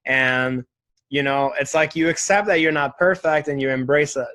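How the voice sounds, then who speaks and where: A man's voice: on the high side, moderate pace, sharp tone. A man in his twenties, a guest in a casual interview, talking candidly and reflectively, with lots of "like" and "right?". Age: 20s.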